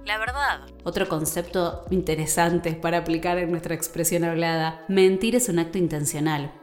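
A woman radio announcer with an Argentine accent, giving advice on a podcast in a measured, emphatic, teacherly way. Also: lowish voice. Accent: Argentine Spanish. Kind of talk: instructional podcast talk. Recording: roomy echo with faint music.

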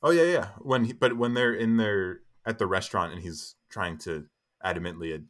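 A man's voice: fairly low pitch, fairly quick. A young man co-hosting a podcast, chatting casually about a film with lots of fillers and restarts. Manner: rambling, many fillers and restarts. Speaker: podcast co-host.

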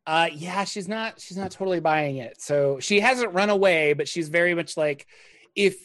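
A man's voice: high voice, moderate pace, a bit bright, no echo. A man serves as game master for a tabletop session, narrating events and rules with frequent hesitations and filler words. The sound is dry and close, with little room behind it. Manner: hesitant, filler-heavy, laughing asides.

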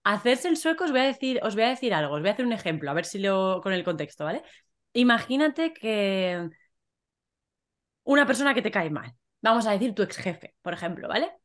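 A woman from Spain speaks with a Spanish accent in a relaxed chat, her pitch sitting in a middle range. She explains sayings through quick examples and keeps saying "vale" to check that she is following. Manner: lively, gives examples, says vale often. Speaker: guest teacher.

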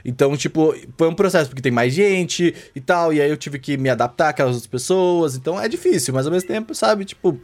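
A man's voice: on the high side, animated, fast talker, few pauses. A young Brazilian man hosting a casual group chat, slangy and rambling with lots of fillers. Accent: Brazilian Portuguese.

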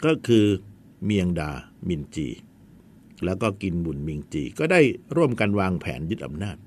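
A man's voice: sits low, sing-song, moderate pace, slightly rough. A man teaching a history lesson in a chatty storytelling way, with asides to his students.

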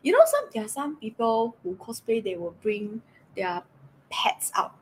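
A woman's voice: fairly high pitch, very animated, unhurried, a little hiss or hum. A woman with a Singaporean accent co-hosting a casual livestream chat, explaining things in a chatty, giggly way. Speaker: co-host.

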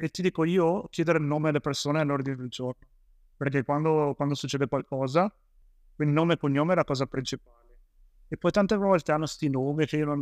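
A man's voice: fairly high pitch, darkish tone, no room sound, studio quality. A man from Italy, a police officer, telling his story as an interview guest in a rambling way with many fillers and restarts.

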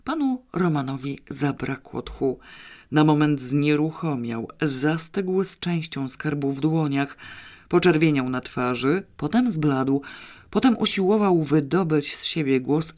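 An audiobook narrator reading a children's novel with lively, even storytelling. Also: mid-range voice.

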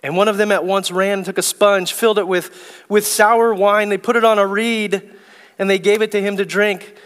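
Male preacher, high voice, slow deliberate delivery, long church reverb. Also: fairly even intonation, fairly bright tone. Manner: slow, deliberate preaching, reads scripture aloud. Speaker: pastor. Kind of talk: sermon. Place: church sanctuary.

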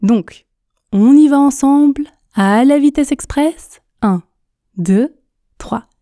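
Slow, patient woman teaching pronunciation. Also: sits high, no room sound, studio quality. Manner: calm, patient, counts learners in and repeats phrases. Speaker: French teacher, podcast host. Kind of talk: pronunciation lesson, slow and articulated.

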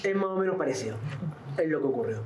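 Man, calm explainer, high voice, echoey room. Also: fast. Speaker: interviewee. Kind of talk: explanatory interview. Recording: echoey room with faint noise.

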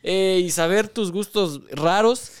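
A man's voice: high voice, takes it slowly, clean tone, dry recording, studio quality. A man with a Mexican Spanish accent co-hosting a podcast, joking crudely and teasing. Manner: teasing, crude banter, frequent laughs. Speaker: podcast co-host. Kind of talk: casual joking chat.

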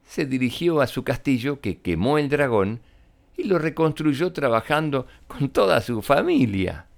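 An animated male storyteller. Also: mid-range voice, a little slow, creaky. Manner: animated and expressive, addressing children. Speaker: children's storyteller. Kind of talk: storybook reading for children.

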